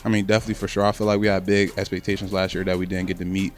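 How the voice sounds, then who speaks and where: A man's voice: sits low, level tone, very fast, faint music behind. A young man, a college basketball player, answering interview questions in a casual, slangy, earnest way. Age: young adult.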